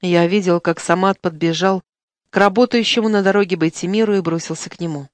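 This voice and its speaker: A woman narrating an audiobook in an expressive reading style, recorded in a studio. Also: on the low side, brisk, no echo. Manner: expressive, acts out dialogue. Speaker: audiobook reader. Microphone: studio microphone.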